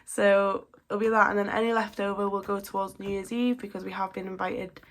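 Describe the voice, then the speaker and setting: Fairly quick and chatty, a woman in her 20s counts out cash note by note for her budgeting vlog. A cold leaves her mid-range voice slightly blocked up, and a faint hiss or hum sits in the background.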